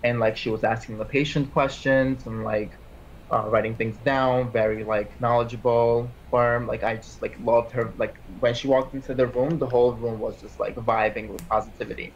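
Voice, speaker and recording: Man, 20s, from Armenia, interview guest, rambling speech full of fillers, mid-pitched voice, muffled lo-fi recording. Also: level tone, normal speed, a little hiss or hum. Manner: rambling, heavy use of "like" and restarts. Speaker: interview guest, PA school applicant. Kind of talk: casual interview chat.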